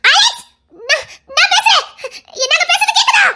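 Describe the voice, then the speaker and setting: A woman's voice: very high-pitched, animated, normal speed, bright, forceful tone, heavily acted. A woman voicing a frightened young woman who is trapped, tearful and pleading for help.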